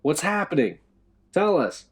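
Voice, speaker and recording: A man voicing an insistent male prisoner who yells demands and orders. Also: a little high, big pitch swings, unhurried, husky, pitched above the performer's own voice, heavily acted. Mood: angry shouting. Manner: yelling demands.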